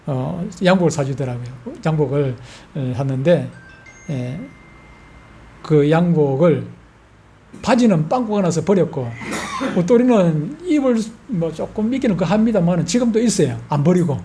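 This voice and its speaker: Folksy Gyeongsang pastor preaching. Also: male voice, fairly high pitch, mellow. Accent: Gyeongsang Korean. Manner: folksy, asks the congregation questions. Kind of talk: sermon.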